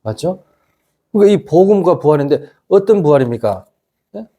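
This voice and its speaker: A middle-aged pastor preaching a casual youth sermon, constantly asking the congregation whether they agree. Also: male voice, on the high side, sing-song, normal speed, warm tone. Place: church youth service.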